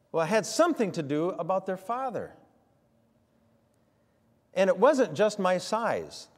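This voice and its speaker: A man's voice: high-pitched, a little mellow. An older man, preaching a sermon in a folksy storytelling way. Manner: folksy storytelling with many fillers. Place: church sanctuary. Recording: long hall reverb in a church.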